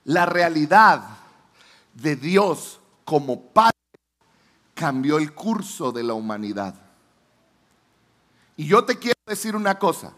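A Mexican man in his forties preaching a sermon as a pastor, telling stories dramatically, swinging from loud declarations to hushed lows. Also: very animated, slow pace, pauses often.

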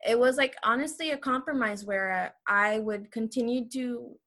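A woman's voice: fairly high pitch, normal speed, a bit bright. Earnest young woman from El Salvador. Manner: earnest, frequent fillers like "um" and "like". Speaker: guest. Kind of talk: casual personal testimony.

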